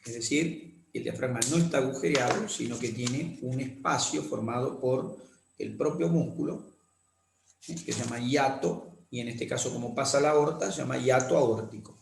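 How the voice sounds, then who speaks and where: Gravelly, patient male anatomy lecturer. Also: medium pitch, moderate pace, slight background noise. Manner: patient, repeats key terms and checks understanding. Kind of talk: classroom lecture with drawing demonstrations. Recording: echoey room.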